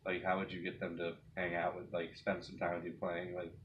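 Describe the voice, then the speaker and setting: A man leading a paranormal session, speaking casually and haltingly as he puts questions to a spirit. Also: deep voice, completely flat delivery, dull audio, slight background noise.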